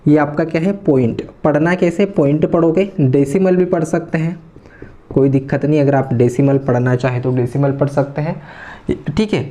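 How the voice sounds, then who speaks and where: A man's voice: a little high, normal speed, dark tone. Patient man teaching maths. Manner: repetitive tag questions, patient step-by-step explaining. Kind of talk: classroom lecture.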